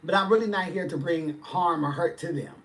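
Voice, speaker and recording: A livestream host in his forties chats casually, answering viewer comments with plenty of sass. He speaks briskly in a fairly bright, higher-pitched voice.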